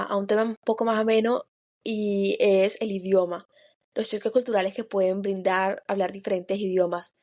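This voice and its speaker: A woman's voice: medium pitch, dark tone. A woman co-hosting a podcast in a casual, earnest chat, sharing her own experiences thoughtfully and restarting phrases as she thinks. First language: Spanish. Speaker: podcast co-host.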